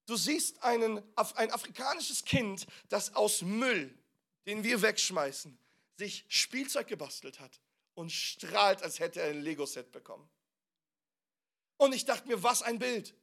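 A man preaching a sermon as pastor, asking the congregation questions and stressing key words loudly. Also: high voice, expressive, measured pace, creaky. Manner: preaching with sudden loud emphasis and rhetorical questions.

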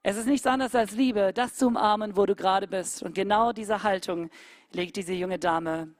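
Eine Frau hält eine emphatische Predigt und senkt dabei oft abrupt Tonhöhe und Lautstärke. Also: female voice, fairly even intonation, moderate pace, no echo, clean studio sound. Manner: emphatic, with sudden drops in pitch and volume. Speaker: preacher. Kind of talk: sermon.

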